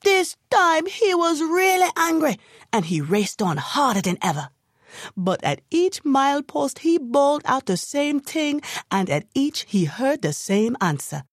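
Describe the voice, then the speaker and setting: A woman narrates a folktale in a lively, sing-song voice. Her pitch rises and falls freely. The recording is close and dry. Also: a little slow, dry recording. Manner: lively, expressive storytelling. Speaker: storyteller.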